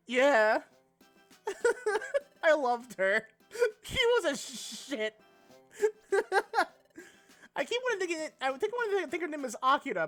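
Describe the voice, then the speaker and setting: Giggly, high-voiced woman streamer. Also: fairly bright tone. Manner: giggly, swears freely, rambling. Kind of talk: casual live game-stream chat.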